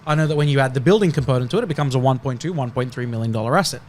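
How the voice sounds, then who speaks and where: A man on an investing panel telling a client story in casual chat, halting and repeating words as he goes. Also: mid-range voice, a little mellow, slight background noise.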